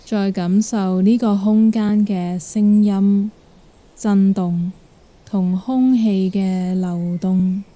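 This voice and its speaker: A woman with a Hong Kong Cantonese accent and a mid-range voice narrates a guided meditation. As the instructor, she gives gentle, calm, unhurried instructions.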